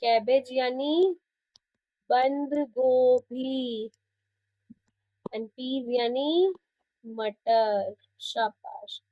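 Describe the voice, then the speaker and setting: Indian woman teacher, patient, slow, encouraging small pupils; dull lo-fi recording. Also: high-pitched, no echo. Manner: explains English words in Hindi, praises the pupils. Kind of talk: bilingual lesson for young children. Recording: dry, dull lo-fi sound.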